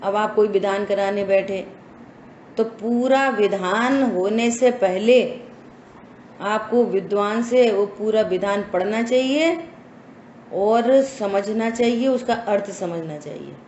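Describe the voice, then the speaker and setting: Slow, emphatic woman teaching scripture. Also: mid-range voice, darkish tone, slight background noise. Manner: slow, emphatic instructive delivery with rhetorical questions. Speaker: religious teacher. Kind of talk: scripture study talk. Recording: echoey room with faint ambience.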